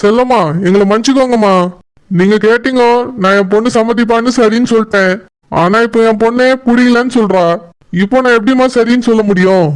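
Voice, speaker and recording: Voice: mid-range voice, fairly even intonation, a little fast, clean tone, natural voice. A performer voicing a worried father of the bride in a cartoon, earnest and apologetic, with a Kanyakumari Tamil accent. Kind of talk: cartoon voice acting.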